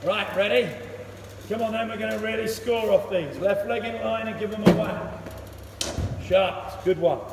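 A man coaching a young batter one-to-one in an indoor cricket net, giving brisk instructions and praise. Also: high-pitched. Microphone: camera across the net, far off. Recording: echoey hall, voice from far off, loud noise.

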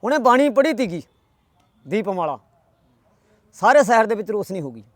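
A man's voice: high voice, big pitch swings, fairly quick, no room sound. A man telling a folk tale in a rustic, chatty way, tagging every quote with who said it. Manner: rustic, chatty, with constant "he said, she said" tags. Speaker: storyteller.

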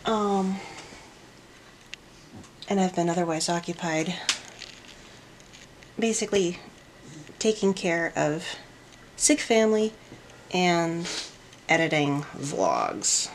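A woman and mother chatting casually to her vlog from inside a closet, rambling and correcting herself while keeping it hushed so a napping child stays asleep. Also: fairly low pitch, animated, slow pace, pauses often, slight background noise. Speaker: vlogger and mother.

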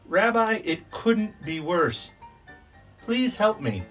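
Man reads as a frantic poor peasant, pitched up and pleading; music underneath. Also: huge pitch swings, normal speed, recorded from a distance, full character voice. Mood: wailing.

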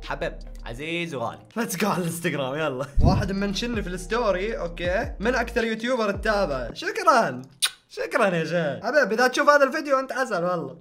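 A man's voice: high-pitched, sing-song, fast, a bit bright, faint music behind. A young man, hosting a casual reaction vlog in a playful way and laughing often. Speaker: YouTuber host.

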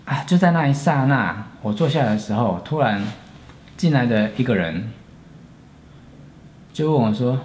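A man in his forties with a Taiwanese Mandarin accent, earnestly recounting a personal story with pauses and restarts. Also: medium pitch, expressive, darkish tone, slight background noise. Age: 40s. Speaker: storyteller, channel host.

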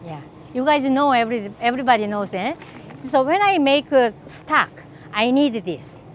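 A cooking channel host, a middle-aged woman from Korea with a Korean accent, enthusiastically chats and frequently laughs while touring a large indoor grocery store and showing off products on camera. She sounds high-pitched and animated at a moderate pace, with a little hiss or hum in the recording.

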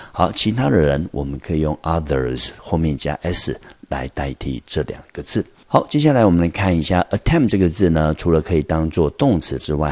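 A man's voice: rumbling low, a little mellow, slightly rough, no echo. A male English teacher with a Taiwanese Mandarin accent giving an online vocabulary lesson, explaining step by step with many fillers.

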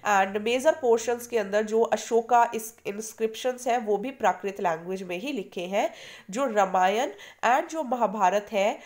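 A woman's voice: on the high side, unhurried, a little mellow. An Indian woman teaching a history lesson for exam preparation in mixed Hindi and English, explaining patiently and asking her students questions.

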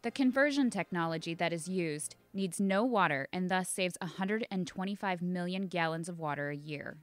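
Female narrator, slightly low voice, scripted infomercial read, faint music behind. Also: moderate pace, dry recording.

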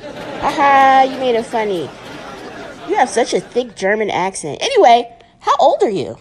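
A woman hosts a comedy talk show with brash, teasing energy. Her high voice swings widely as she needles her guest. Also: big pitch swings, moderate pace, some chatter behind, slight background noise.

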